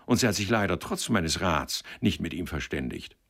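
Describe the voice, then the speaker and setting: A man's voice: deep voice, animated, moderate pace, a bit bright, slightly rough, heavily acted. A male reader voicing a concerned, well-meaning older man who speaks earnestly. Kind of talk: audiobook character reading.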